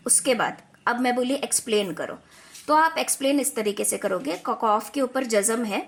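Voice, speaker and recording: A woman's voice: fairly high pitch, fairly bright tone. A woman teaching an online class for children, explaining patiently step by step and often checking in with her students. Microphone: video call.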